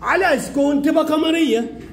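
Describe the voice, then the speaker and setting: High-voiced Egyptian male teacher, echoey classroom. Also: brisk. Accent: Egyptian Arabic. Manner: questioning, coaxing pupils. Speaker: primary school teacher.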